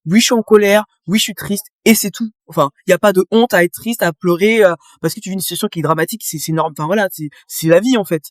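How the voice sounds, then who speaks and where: A woman's voice: on the low side, fast, hardly any pauses, dry recording, clean studio sound. A woman guest in a casual interview, explaining her experience with vivid images and talking straight to the listener. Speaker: guest, business coach.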